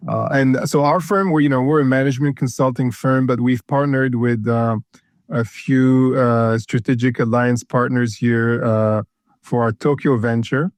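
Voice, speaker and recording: In a dry recording, a medium-pitched man talks at normal speed in a steady tone. He is an Ethiopian consulting firm founder in a conversational interview, and his speech is halting, with lots of fillers and repeated words.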